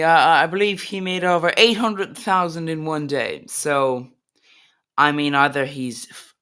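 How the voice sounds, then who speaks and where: A man reacts to a video in casual commentary. He talks hesitantly and rambles as he goes. His voice is bright and sits slightly high. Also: clean tone.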